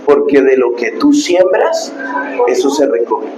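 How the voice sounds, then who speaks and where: A man pastor, preaching a sermon and telling stories, dropping to hushed asides and rising to loud preaching. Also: medium pitch, lively intonation, unhurried, loud music behind the voice. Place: church hall. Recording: echoey hall with background noise.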